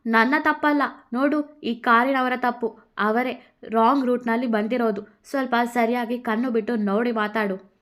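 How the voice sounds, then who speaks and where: A woman voicing a feisty young heroine in a narrated story, loud and defiant. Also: fairly high pitch, fairly even intonation, normal speed, close to an everyday voice.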